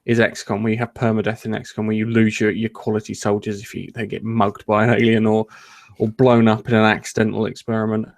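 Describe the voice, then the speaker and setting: A man's voice: on the low side, monotone, fast talker, creaky. A man hosting a casual gaming podcast, joking and rambling with frequent restarts. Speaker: podcast host.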